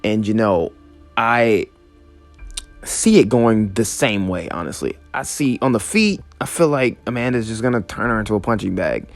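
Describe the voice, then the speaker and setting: A man's voice: on the low side, lively intonation, normal speed, faint music behind. A man hosting a casual fight-prediction talk, chatty and a bit sarcastic, with a loose, laid-back delivery. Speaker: MMA prediction host. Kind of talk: casual commentary.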